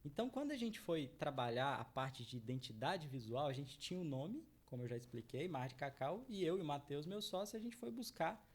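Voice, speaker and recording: In an interview, a middle-aged chocolate brand founder from Minas Gerais, Brazil, explains his business earnestly, addressing the audience and repeating "né?" ("right?") often. His fairly high voice is animated and fairly quick, with few pauses.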